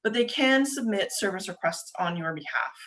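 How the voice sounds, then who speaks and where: A young adult woman giving a quick, chatty webinar presentation over a video call, explaining steps with frequent ums and uhs. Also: mid-range voice, animated, a bit bright. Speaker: presenter for a government agency.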